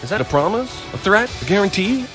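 A man's voice: high-pitched, very animated, fast talker. A man delivering exaggerated, combative banter. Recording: music behind the voice.

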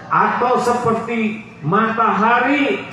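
A middle-aged man giving a lively, joking sermon on an outdoor stage, speaking into a handheld microphone and often asking the crowd questions. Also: very high-pitched, slow. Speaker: preacher. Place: outdoor stage under a tent. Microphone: handheld mic, far camera. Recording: roomy, distant, dull PA sound.

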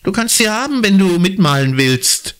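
A man voicing an easygoing, sheepish schoolboy in an audiobook, with bright, apologetic boyish chatter. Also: high-pitched, big pitch swings, normal speed, smooth, pitched above the performer's own voice. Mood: offhand.

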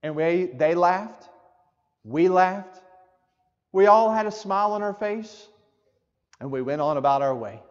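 A man's voice: high voice, expressive, unhurried, long pauses. A man preaching a sermon in a church, talking conversationally and asking the congregation direct questions. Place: church sanctuary. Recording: muffled church hall with long reverb.

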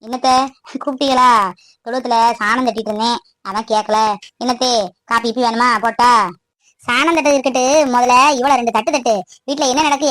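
A woman's voice: high voice, bright, forceful tone, dry recording. A woman voicing a hardworking village mother in a cartoon who scolds and complains, with a dry close sound.

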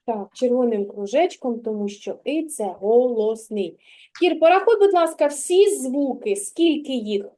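A high-voiced woman teaches a young child to read in a one-on-one lesson. She speaks slowly and patiently, with a warm, soft tone, and stretches out each sound so the child can hear it. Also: animated. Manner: patient, drawn-out stressing of sounds and words. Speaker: kindergarten teacher.

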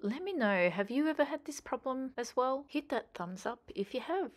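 Woman in her thirties, friendly cleaning-vlog narrator; chatty, encouraging, slightly high voice. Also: animated, moderate pace. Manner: chatty, encouraging, asks viewers questions. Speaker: cleaning vlogger. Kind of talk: casual voice-over narration.

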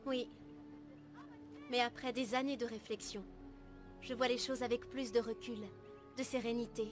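Woman acting earnest high-voiced young elf apprentice. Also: fairly even intonation, lightly acted. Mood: grave, reflective. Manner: formal, measured, literary diction. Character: earnest, gentle young female elf apprentice, grave and curious. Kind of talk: video game dialogue acting. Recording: music behind the voice.

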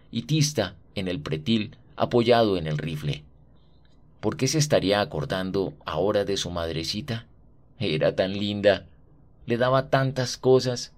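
A man narrates a short story for radio with a low voice. His reading is dramatic and expressive, shaping each scene with steady care.

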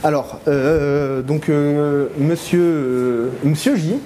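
A French man in his thirties, with an accent from France, casually hosts an unscripted interview for a local media show in a small indoor studio. His voice is a little high, he takes it slowly, and music plays underneath.

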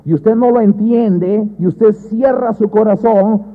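Husky high-voiced pastor preaching. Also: male voice, slow pace. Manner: swings from loud emphatic bursts to low quiet asides; keeps addressing the church as brothers. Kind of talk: sermon. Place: church. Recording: thin phone-like sound.

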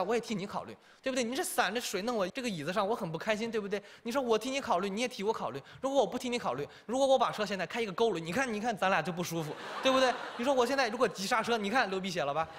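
A man's voice: high voice, animated, very fast, fairly bright tone, pitched above the performer's own voice. A man doing a grumpy nagging taxi driver. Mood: annoyed lecturing. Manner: impatient, nagging, keeps asking for agreement. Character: irritable male taxi driver lecturing a passenger.

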